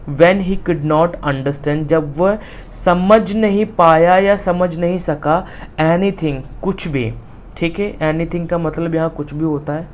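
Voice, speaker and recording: A teacher, giving a reading lesson and explaining English sentences in Hindi. They read each English phrase slowly and often stop to check in with "theek hai". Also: mid-range voice, slight background noise. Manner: reads English slowly word by word, then explains with frequent "ठीक है".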